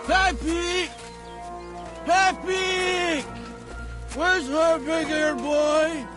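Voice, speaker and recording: A man's voice: high-pitched, very animated, unhurried, loud music behind the voice, full character voice. An actor playing an injured, blunt woodsman who is short of breath and barks orders in a video game. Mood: worried, sharp. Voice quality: gravelly, raspy.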